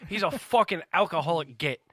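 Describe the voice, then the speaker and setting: A man's voice: on the high side, animated, a little fast, pushed and bright, no room sound, studio quality. A man voicing a rowdy, swearing British hooligan with a put-on London accent. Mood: boisterous. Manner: swearing, boisterous, laughing.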